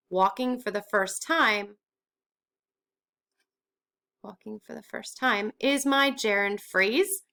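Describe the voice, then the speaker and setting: A woman's voice: mid-range voice, bright, forceful tone. A woman teacher explaining a grammar lesson step by step, asking and answering her own questions.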